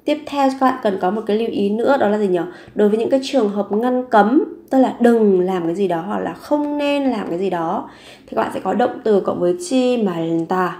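A woman's voice: mid-range voice, a little fast, mellow. Patient woman teaching grammar, echoey room. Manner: explains step by step, repeating example sentences. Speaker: Korean language teacher. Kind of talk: grammar lesson.

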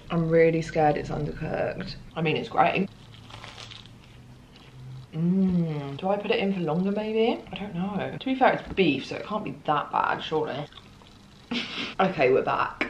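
A woman's voice: low-pitched, a little hiss or hum. A young woman chatting casually in a food vlog at home, bubbly and giggly. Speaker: food vlogger. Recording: roomy echo.

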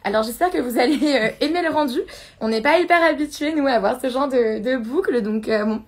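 High-voiced chatty woman hosting a live stream. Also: a little fast. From France. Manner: chatty, giggly, reads viewer comments aloud. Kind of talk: casual live unboxing chat.

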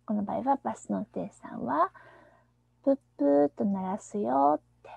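A woman teaching a children's English song, explaining softly, often in a near-whisper, and reading the lyrics slowly and deliberately. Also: a little high, gravelly, slightly rough, no echo. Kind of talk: screen-shared lesson on a children's song.

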